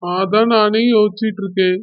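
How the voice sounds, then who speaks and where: A woman's voice: medium pitch, steady tone, normal speed, no echo, dull audio, natural voice. A woman playing a worried young village husband with a Kanyakumari Tamil accent, soothing and hesitant. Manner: soothing, hesitant, repeats wife's name. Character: worried young husband, press shop owner.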